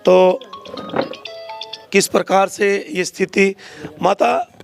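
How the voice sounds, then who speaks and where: A male local reporter speaks earnestly from the field, addressing viewers directly between questions to a family. His voice sits a little high for a man. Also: fairly even intonation, slow, creaky, music in the background.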